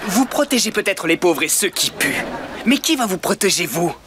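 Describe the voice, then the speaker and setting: A man's voice: high-pitched, sing-song, normal speed, a loud crowd, very noisy. A man playing a vain, blustering, boyish storybook villain sheriff in a dubbed TV sitcom, pompous and theatrical. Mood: taunting.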